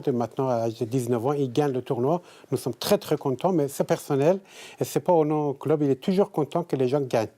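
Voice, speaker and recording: A man's voice: mid-range voice, mellow. A man from a chess club speaking earnestly and proudly in an interview.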